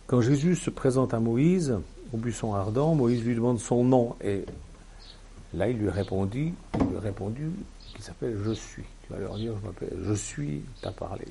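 A man's voice: medium pitch, normal speed, creaky, noisy background. A man preaching a sermon in a teaching manner, with emphatic bursts and frequent fillers.

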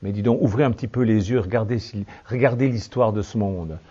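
A male preacher giving a fervent, rhetorical sermon that swings between low tones and shouted peaks. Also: fairly quick, husky, muffled recording.

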